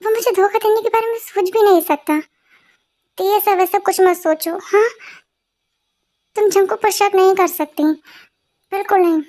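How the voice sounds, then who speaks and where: A woman's voice: extremely high pitch, normal speed, pauses often, darkish tone. A woman voicing an anxious young wife who worries aloud about her husband in a dubbed fan story. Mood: worried. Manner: worried, self-reassuring.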